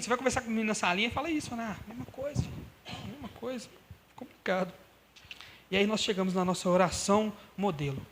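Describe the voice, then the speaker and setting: A man's voice: high-pitched, sharp tone, slight background noise. A young man preaching a sermon in a church, talking conversationally and speaking straight to the congregation. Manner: conversational, addresses the congregation directly.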